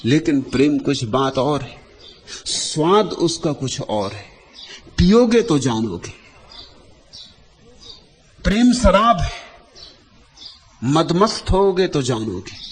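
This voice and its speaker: A male teacher gives a spiritual discourse in short, lyrical phrases, with long pauses and lines repeated for emphasis. His fairly high voice is very animated, with slight background noise.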